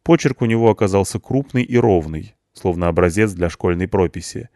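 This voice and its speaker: A man narrating an audiobook in the first person with an ironic, even storytelling manner. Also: sits low, a little fast, no room sound, clean studio sound.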